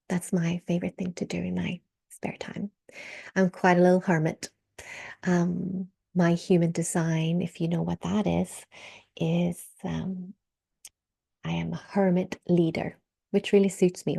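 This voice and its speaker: A woman in her thirties with a Swedish accent tinged with American and Australian English, speaking as a podcast host in a gentle, reflective way that trails into soft breathy asides. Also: on the low side. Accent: Swedish, mixed with American and Australian English. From Sweden. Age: 30s. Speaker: podcast host and birth work mentor. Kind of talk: personal podcast monologue.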